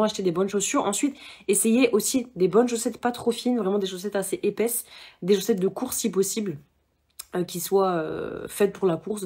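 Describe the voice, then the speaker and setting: A young woman talks to her viewers in a quick, chatty stream. Her voice is a little husky, and she keeps restarting sentences and filling gaps with hesitations. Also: medium pitch, dark tone. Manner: chatty, many fillers and restarts, addresses viewers directly. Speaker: vlogger giving running advice. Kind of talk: casual talk to camera.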